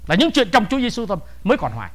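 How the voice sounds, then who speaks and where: A man preaching a sermon in a high, lively voice. He leans on his words and keeps asking the congregation questions, then answers them himself. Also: rapid-fire. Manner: emphatic, asks the congregation questions. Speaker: pastor.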